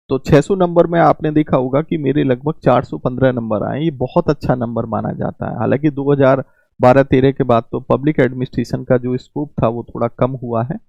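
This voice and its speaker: Gravelly man teaching an online class. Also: mid-range voice, darkish tone, no room sound. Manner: fatherly, calls students "beta", repeats points. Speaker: exam coaching teacher. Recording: dull lo-fi mic.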